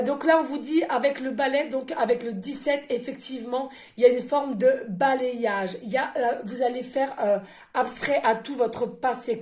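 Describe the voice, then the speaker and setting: A woman's voice: fairly high pitch, a little mellow. A woman medium doing an oracle card reading for her viewers in a casual, effusive way, full of fillers and repetitions. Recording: echoey room with faint noise.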